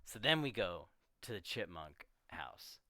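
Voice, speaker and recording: A man's voice: low voice, sing-song, measured pace, pushed and bright, no echo, clean studio sound. A man on a podcast casually retelling a film's scenes, rambling and quoting characters as he goes. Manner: rambling, retells scenes with quoted voices and laughs. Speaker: podcast co-host. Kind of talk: casual movie discussion.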